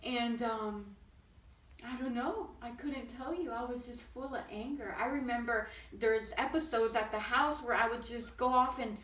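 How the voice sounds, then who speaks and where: A young woman giving a halting personal testimony with many fillers, recorded from a distance in an echoey room. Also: fairly high pitch, fairly bright tone. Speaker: ministry program resident. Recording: echoey room, mic far off, faint noise.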